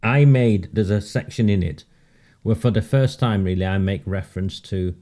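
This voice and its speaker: A man with a lowish, dark voice speaking at normal speed hosts a live political monologue. Sardonic and emphatic, he tends to laugh at what he's just said and repeats words for emphasis.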